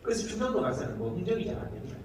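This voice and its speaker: A man performing a comedic talk to a live audience, animated and jokey, slipping into quick impressions of how people talk. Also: fairly high pitch. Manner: animated, jokey, mimics regional speech in quick asides. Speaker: comedian giving a talk concert. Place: large hall with a live audience. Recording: echoey hall audio with noise, from far off.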